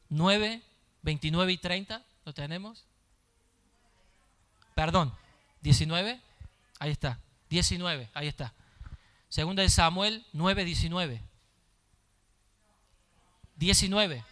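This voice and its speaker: A man's voice: on the high side, unhurried, long pauses, sharp tone. A male pastor preaching a sermon, repeating his phrases and building in intensity as he goes.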